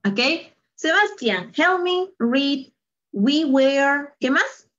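A woman teaching English over a video call, cheerful and encouraging. She speaks slowly and carefully, her voice sitting a little high. The sound is dull and lo-fi, like online class audio. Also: lively intonation, a bit bright. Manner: upbeat, praising, mixes Spanish and English, laughs often. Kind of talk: live online English lesson.

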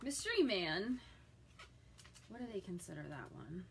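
Chatting live with viewers while opening a subscription box, a middle-aged woman vlogger reacts out loud and sounds enthusiastic. Her mid-range voice is sing-song and unhurried. There's slight background noise.

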